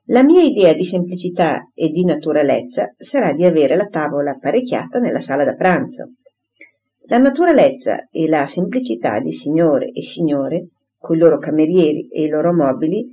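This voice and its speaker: A woman reading an audiobook, voicing a calm, dry, firm gentleman who speaks in a measured way, in a dull lo-fi recording. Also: low voice, slightly rough.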